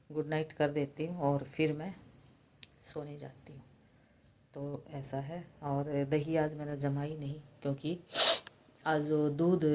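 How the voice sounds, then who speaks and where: An older woman chatting quietly in a casual home vlog at night, speaking softly and slowly so she won't wake her sleeping husband. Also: low-pitched, slight background noise. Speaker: vlogger.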